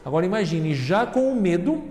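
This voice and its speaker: A man with a Brazilian Portuguese accent, a deacon reading the Gospel and preaching earnestly, calling his listeners brothers and sisters, moving between hushed reflection and loud emphatic passages. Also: high voice, big pitch swings, a little fast. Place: large church sanctuary. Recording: roomy church reverb with soft music.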